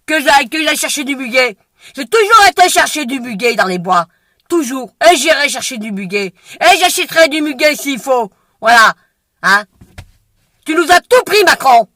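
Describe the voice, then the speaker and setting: A woman delivering an angry, emphatic rant to camera, often pausing on a challenging "hein?" and breaking into shouts now and then. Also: high-pitched, no echo. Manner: heated, emphatic, peppered with "hein?". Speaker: vlogger.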